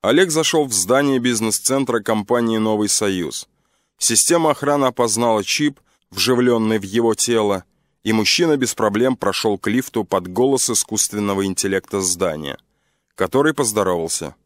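A man narrating an audiobook story in a steady, even manner. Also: lowish voice, moderate pace, no echo, studio quality.

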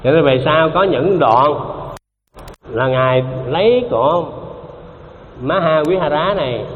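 Unhurried and expressive, a Buddhist teacher with a slightly high voice leads a dharma talk. He speaks conversationally, repeats points, and puts questions to his audience, all on a muffled, lo-fi hall recording with faint noise.

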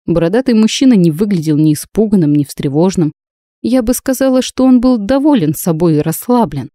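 A woman narrating a novel in the first person with a lively, emotional reading. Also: medium pitch, fairly quick, dry recording, studio quality. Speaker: audiobook narrator.

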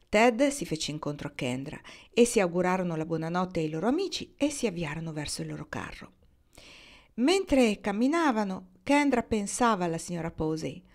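A woman reads a novel aloud in a steady, even narrating voice. She tells the story expressively, with a clear reading rhythm. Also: on the low side. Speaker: audiobook reader.

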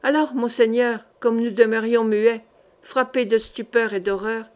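Woman reading a nasal rambling monk guy, fast and wordy, a bit high. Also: steady tone, lightly acted. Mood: earnest. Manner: rapid, long-winded recounting. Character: nasal-voiced male hermit monk, zealous, rambling. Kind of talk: audiobook character reading.

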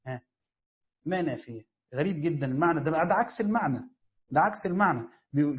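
A man with an Egyptian accent teaching a classroom lesson on Quran exegesis, quizzing listeners and then answering his own questions. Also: fairly high pitch. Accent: Egyptian Arabic. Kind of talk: classroom lesson, explaining grammar. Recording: dull lo-fi recording.

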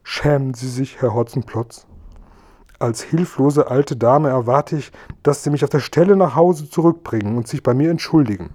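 A man voicing a chatty, indignant old grandmother, with a high, fluttering, raised voice. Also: expressive, moderate pace, dark tone, husky.

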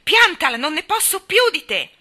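A woman voicing a stubborn, fierce young girl who shouts and scolds. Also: very high-pitched, big pitch swings, normal speed, voice pushed up, exaggerated voice. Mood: furious scolding. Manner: shouting, foot-stamping defiance.

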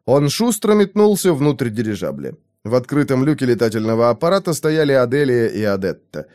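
Lively male audiobook narrator. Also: mid-range voice, brisk. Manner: lively expressive reading. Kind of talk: first-person fiction reading.

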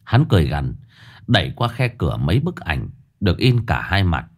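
Lively-pitched male thriller narrator. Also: moderate pace, gravelly. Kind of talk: dramatic storytelling narration.

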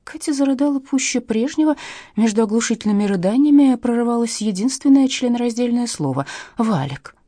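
A woman's voice: on the high side, lively intonation, brisk, dark tone, no room sound, studio quality. A woman narrating an audiobook in a wry storytelling manner.

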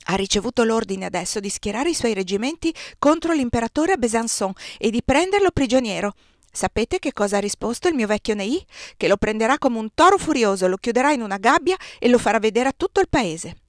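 Brief: bombastic, indignant matron, read by a woman, big booming voice, storybook reading. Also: lively intonation, brisk, no echo, clean studio sound, lightly acted. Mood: blustering. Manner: booming and breathless. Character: loud imposing marshal's wife, blustering, resentful.

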